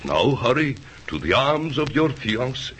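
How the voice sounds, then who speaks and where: A man's voice: medium pitch, very animated, measured pace, a bit bright, a little hiss or hum. A man playing a kindly, solemn, fatherly priest in an old radio drama, speaking ceremoniously.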